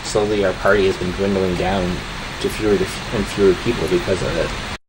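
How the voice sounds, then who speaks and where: Lowish-voiced man playing, noisy background. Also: steady tone, normal speed. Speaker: tabletop game player. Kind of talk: casual in-game dialogue.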